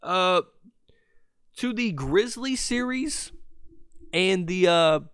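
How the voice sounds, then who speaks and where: A man in his twenties hosting a casual sports podcast, telling a story with profanity and loud shouted reenactments. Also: sits high, expressive, very slow, clean tone, dry recording, clean studio sound. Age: 20s. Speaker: podcast host.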